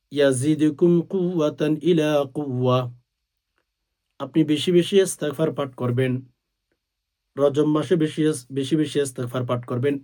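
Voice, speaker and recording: A man preaching a sermon, talking straight to his listeners as friends, swelling to loud, drawn-out stresses and chanting short Arabic phrases slowly. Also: medium pitch. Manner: swells to loud, drawn-out emphasis on key words; addresses listeners directly as friends.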